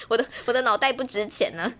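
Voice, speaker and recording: A woman's voice: a little high, pushed and bright. A young woman, co-hosting a casual chat and telling a story in a chatty, self-mocking way. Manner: fast, chatty, self-mocking, laughs often. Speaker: podcast co-host.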